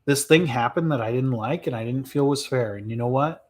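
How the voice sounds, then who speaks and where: A man chatting casually on a live stream, answering questions as they come in. He talks in a loose, reflective ramble, circling back on his thoughts and laughing lightly. His voice sits at a typical middle pitch for a man. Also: fairly quick, darkish tone.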